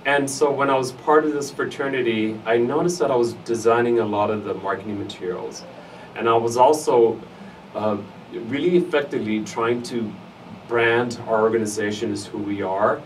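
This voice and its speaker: Distant, low-voiced middle-aged man, East L.A. accent. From United States, East Los Angeles area. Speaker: interviewee, fraternity alum. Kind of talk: conversational interview answers. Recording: noisy, distant mic, room ambience.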